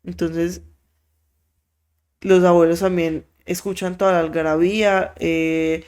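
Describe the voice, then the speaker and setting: Podcast storyteller, animated, lots of fillers, acts out quotes. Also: mid-range voice, takes it slowly, clear, resonant tone. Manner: frequent filler words. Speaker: podcast host.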